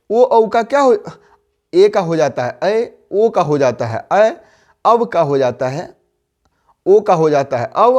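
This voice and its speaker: A man's voice: fairly high pitch, a little mellow. A man teaching a Hindi grammar lesson, drawing out each word part and putting questions to the class before answering them himself. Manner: slow, drawn-out spelling of word parts with rising questions; quizzes listeners then answers himself.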